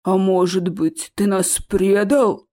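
A woman's voice: mid-range voice, flat delivery, slow pace, mellow, close to an everyday voice. A woman voicing an angry old troll chief. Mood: angry, accusing. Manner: accusing, stubborn, raised voice. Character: gruff angry elder male troll leader.

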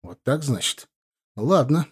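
A man's voice: mid-range voice, big pitch swings, measured pace, husky, exaggerated voice. Guy reading a strict dad, grumpy and impatient, asking stuff sharply. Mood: indignant. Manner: stern, exasperated questioning. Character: stern middle-aged father, quick to anger.

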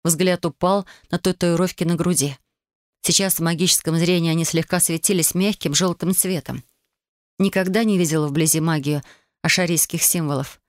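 Мужчина размеренно и ровно читает фэнтезийную аудиокнигу от первого лица. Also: male voice, fairly high pitch, fairly even intonation, moderate pace, dry recording, studio quality. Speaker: audiobook reader. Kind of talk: fantasy audiobook narration in first person.

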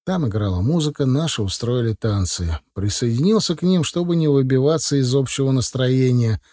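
Mellow man narrating an audiobook. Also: medium pitch, animated, fairly quick, dry recording, studio quality. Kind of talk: first-person audiobook narration.

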